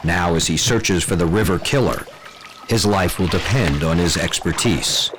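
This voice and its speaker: A man's voice: deep voice, normal speed, noisy background. A man narrating a nature documentary from a script, as the narrator. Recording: music under the voice.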